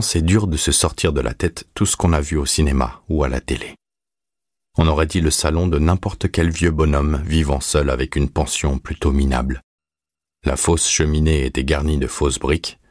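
A man reading a novel aloud as an audiobook narrator, in steady, even storytelling. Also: a bass voice, no room sound, studio quality. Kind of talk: scripted narration.

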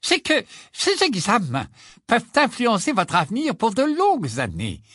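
A man voicing a tiny, earnest male wizard professor with a squeaky voice. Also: wildly swooping pitch, moderate pace, fairly bright tone, husky, no echo, clean studio sound, full character voice. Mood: lecturing.

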